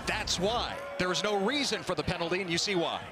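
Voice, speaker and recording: A man's voice: high-pitched, animated, brisk. A man calling live football play-by-play in a conversational, explanatory way. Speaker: play-by-play sports commentator. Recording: clear stadium background noise. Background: outdoor stadium ambience.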